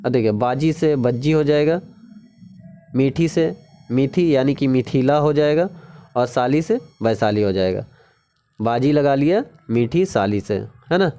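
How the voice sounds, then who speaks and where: A man's voice: medium pitch, lively intonation, warm tone. A man teaching a casual exam-prep lesson, repeating key words and often checking in with the viewer. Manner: repetitive, keeps asking "ठीक है?"; drawn-out sing-song pronunciation drills.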